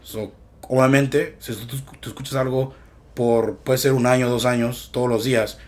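A man's voice: medium pitch, fairly even intonation, normal speed, darkish tone. A Mexican man from Michoacán hosting a podcast, chatting casually with lots of slang and profanity and laughing easily. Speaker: podcast host. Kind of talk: casual chat.

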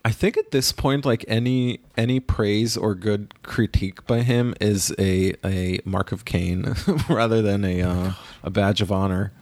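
A man with a fairly low voice co-hosts a podcast, trading dry, gossipy remarks in loose casual chat. He hedges often with fillers and restarts. The recording is close and dry, with no room sound. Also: fairly even intonation, measured pace, few pauses, a little mellow, no room sound. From New York. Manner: dry, chatty, frequent fillers. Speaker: podcast co-host.

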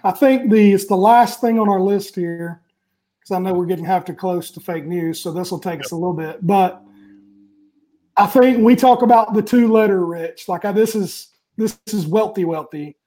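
A man's voice: sits high, moderate pace, dark tone. A man co-hosting a podcast in casual chat, explaining things with asides. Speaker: podcast co-host.

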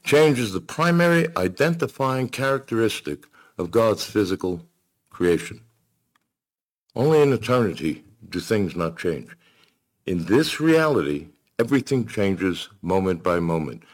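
A man delivers a sermon in a deep, low voice. He speaks in measured, emphatic phrases and pauses between his points. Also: big pitch swings. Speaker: pastor.

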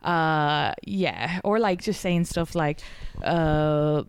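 A woman's voice: low voice, extremely slow, clean tone, no echo. A woman from Ireland with an Irish accent, a comedian chatting casually as a podcast guest, full of fillers and quoted asides.

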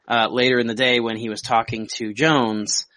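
A man with a gravelly voice who is sick, chatting casually as a podcast co-host. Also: medium pitch, flat delivery, normal speed, bright, forceful tone.

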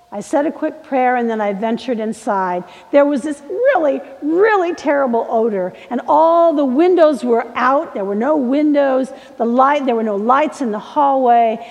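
A woman preacher tells a sermon story in a slow, dramatic way, dropping to a hush and then pressing hard on key words. Her voice sits fairly high, and a long reverb hangs after each phrase. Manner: dramatic, shifts from hushed to emphatic.

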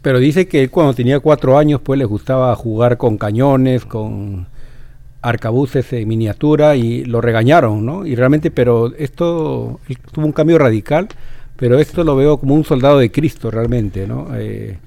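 A man's voice: medium pitch, moderate pace, creaky, mellow, dry recording. A man in a religious discussion, thoughtful and hesitant, who keeps checking in with his listeners. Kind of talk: casual devotional discussion.

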